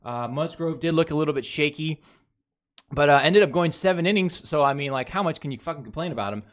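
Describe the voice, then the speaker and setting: A man's voice: on the high side, fast talker. A man giving a casual, heavily profane recap of a baseball series, talking over game footage. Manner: talks over game footage, reviewing plays. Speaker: baseball fan commentator. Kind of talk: casual sports recap commentary.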